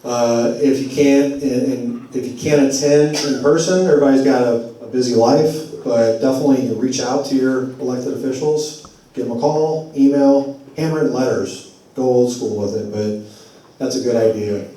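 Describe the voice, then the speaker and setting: A man's voice: mid-range voice, steady tone, moderate pace, mellow. A man speaking to a community forum in a loose, conversational way, his voice getting worn. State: losing his voice. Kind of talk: public address at a community meeting. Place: church meeting hall. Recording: very echoey hall, voice far from mic.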